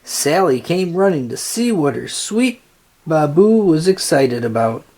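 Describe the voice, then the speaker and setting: Here a narrator with a mid-range voice tells a children's story from a book, reading it deliberately and with plenty of expression.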